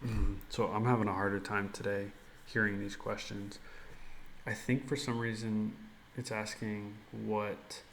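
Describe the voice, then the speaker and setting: A man practising Japanese as a learner, thinking aloud and speaking haltingly when he tries the language. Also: fairly low pitch, a little hiss or hum.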